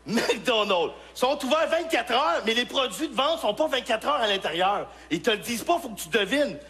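Québécois stand-up guy, high voice, yells the punchlines, live stage. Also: fairly quick. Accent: Québécois French. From Quebec. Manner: animated storytelling with shouted punchlines. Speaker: stand-up comedian. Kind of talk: stand-up comedy. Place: comedy stage before a live audience.

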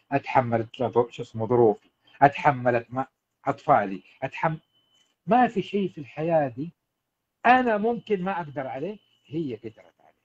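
On a livestream setup, a man working as a marriage coach earnestly advises husbands, exhorting them and addressing them directly. His voice is medium-pitched with a darkish tone, and the audio is dull.

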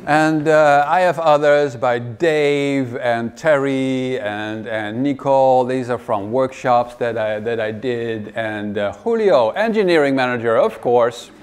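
A middle-aged Dutch man gives a wry, joking keynote in a large conference hall, speaking into a headset mic as a lively presenter. His mid-range voice is clean and slow-paced, with few pauses.

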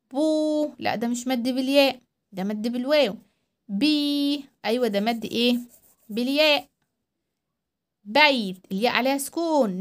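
A woman with an Egyptian accent teaching young children to read, drawing out syllables slowly and clearly. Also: high-pitched. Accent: Egyptian Arabic. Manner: drawn-out syllables for young learners. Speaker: primary school teacher. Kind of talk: children's reading lesson. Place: voice-over recorded at home.

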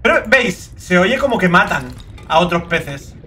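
A young man from Spain narrates his gameplay in a high, bright voice that swings up and down all the time. He talks excitably, curses freely and breaks into shrieking outbursts. A faint hum of room noise sits under his voice. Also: unhurried. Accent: Spain Spanish. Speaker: gaming video creator. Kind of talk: let's play commentary.

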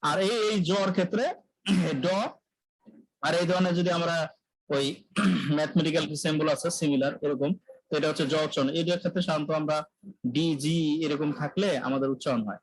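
A man teaching English pronunciation in a live online lecture, drilling sounds by repeating them and often clearing his throat. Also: a little high, fairly quick, pauses often, no echo, low-quality recording. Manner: clears throat often, self-corrects mid-sentence.

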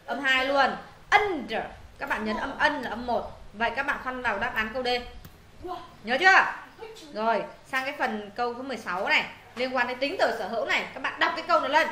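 A woman's voice: high voice, bright, forceful tone, reverberant, a little hiss or hum. A woman English teacher, walking students through exam answers, repeating words and checking they follow. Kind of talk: exam answer walkthrough lesson.

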